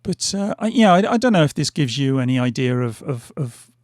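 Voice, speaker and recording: A very animated middle-aged man hosts a gaming channel, and his medium-pitched, slightly mellow voice moves fairly quickly even as he loses it. His casual commentary on his play rambles with plenty of fillers and restarts. Headphones and a desk mic give dry, studio-quality sound.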